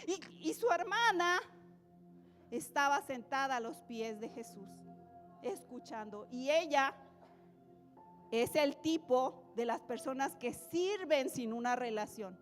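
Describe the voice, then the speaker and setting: A woman preacher giving an animated, dramatic sermon in a church. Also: sits high, takes it slowly. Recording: echoey church hall, soft music.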